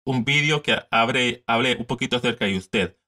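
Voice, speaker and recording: A man's voice: mid-range voice, moderate pace, sharp tone. A man in his thirties giving a casual step-by-step screen tutorial from his desk, repeating steps and mixing in English words. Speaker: tutorial host.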